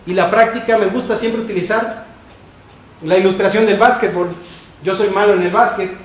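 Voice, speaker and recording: A man preaching a sermon as pastor, emphatic and repetitive, with quick shifts between loud and soft. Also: high-pitched, fairly even intonation. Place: church sanctuary. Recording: echoey church room with faint noise.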